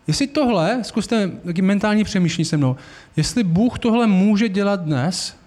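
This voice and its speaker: A man's voice: high-pitched, darkish tone. A man preaching a sermon in an earnest, conversational way, asking the congregation rhetorical questions.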